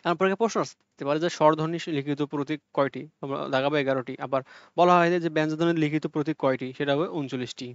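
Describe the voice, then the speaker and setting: A man's voice: a little high, rapid-fire, clear, resonant tone, no echo. A young man teaching an exam-prep lesson, explaining step by step and repeating key points to check that students follow. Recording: dull lo-fi audio.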